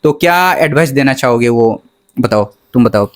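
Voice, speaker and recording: A man's voice: mid-range voice, lively intonation, normal speed. A young man interviewing fellow medical students in a casual chat, laughing often and dropping English phrases. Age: young adult.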